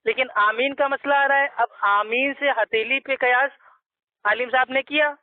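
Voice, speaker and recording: A man's voice: extremely high pitch, fairly even intonation, moderate pace, no echo. A man in a heated religious debate, combative and mocking as he lectures his opponent. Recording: tinny phone line.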